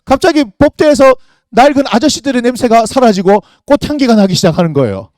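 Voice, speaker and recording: A man in his forties preaching a lively youth sermon, animated and full of rhetorical questions to the congregation. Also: very high voice, a little fast, no echo, clean studio sound. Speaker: pastor.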